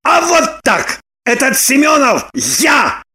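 A woman voicing a hot-tempered, sarcastic grown man in an audiobook, prone to shouting outbursts. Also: lowish voice, big pitch swings, a little slow, slightly rough, exaggerated voice. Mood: confessing. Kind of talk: audiobook character reading.

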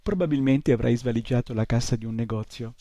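A man's voice: mid-range voice, fairly quick, mellow, no echo, lightly acted. A man reading aloud and voicing a grumpy, sarcastic old male bookseller in an audiobook. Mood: suspicious. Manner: grumbling, sarcastic.

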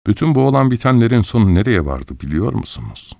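A man reading a first-person audiobook story in an expressive, wry storytelling manner. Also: fairly low pitch, fast talker, gravelly, no room sound. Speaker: audiobook narrator.

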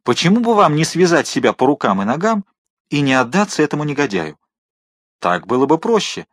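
A man reading aloud and voicing a hot-tempered young musketeer who speaks forcefully and with scorn. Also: a little high, big pitch swings, fairly quick, dry recording, studio quality, pitched above the performer's own voice. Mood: scornful.

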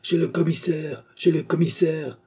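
A furious street mob chants and shouts for justice, as one man reading the story puts them on. The voice is pushed high and loud above his usual register. It still carries a husky, dark grain. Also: normal speed. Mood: angry. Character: angry Parisian mob, shouting men.

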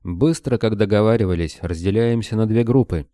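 A man's voice: on the low side, brisk, mellow, no room sound, studio quality, close to an everyday voice. A man playing a harsh barking leader. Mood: shouting. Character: bearded hot-tempered man, gang leader.

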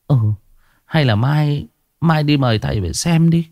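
Guy doing a scared old village wife, high wailing voice, dry close sound. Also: measured pace, vocal fry, mellow, no echo. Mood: pleading, fearful. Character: frightened older village wife, pleading and tearful.

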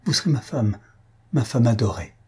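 A man's voice: medium pitch, expressive, moderate pace, dark tone, slightly rough. A man reading an audiobook, voicing a passionate, desperate young count with an impassioned, pleading delivery.

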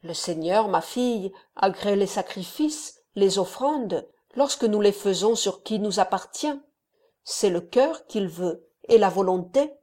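A woman reading a gentle elderly friar. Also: medium pitch, animated, measured pace. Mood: gentle counsel. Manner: gentle, fatherly counsel. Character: elderly kindly male friar, serene and gentle.

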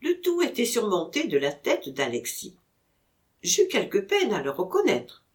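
A woman narrating a classic literary audiobook in an expressive, animated reading. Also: medium pitch, unhurried.

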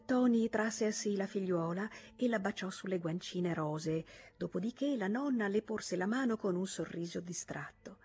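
A woman reading a classic novel aloud as an audiobook narrator, in a measured, even storytelling manner. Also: mid-range voice, slightly rough. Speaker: audiobook reader.

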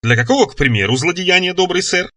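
A man's voice: high-pitched, animated, quick pace, sharp tone, dry recording, distant mic, pitched above the performer's own voice, exaggerated voice. A man voicing a spirited young huntress. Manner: old-fashioned, spirited. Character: bold young huntress maiden, archaic speech.

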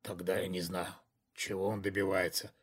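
Man doing a hoarse, gravelly menacing conspirator. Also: steady tone, brisk, a bit bright. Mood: muttering. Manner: low, pressing, controlled. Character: menacing gruff middle-aged conspirator man.

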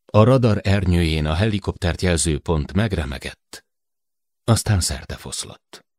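A man narrating a science fiction audiobook, expressive and measured. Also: deep voice, no echo, clean studio sound. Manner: expressive storytelling.

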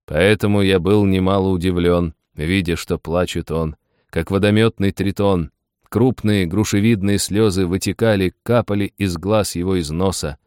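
A man narrating an audiobook, telling the story with lively, expressive delivery. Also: low-pitched, moderate pace, clear, resonant tone, dry recording, clean studio sound. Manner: lively storytelling with voiced asides.

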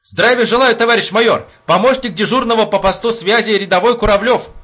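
A man voicing an eager young army private who shouts crisp military replies in an audiobook. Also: sits high, a little fast, lo-fi sound, pitched above the performer's own voice, exaggerated voice.

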